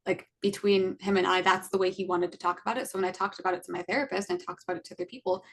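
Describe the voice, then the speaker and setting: Gravelly young woman telling her story. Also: lowish voice, steady tone, rapid-fire, a little hiss or hum. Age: 20s. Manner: earnest, frequent fillers like "like". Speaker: podcast co-host. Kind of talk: casual personal storytelling.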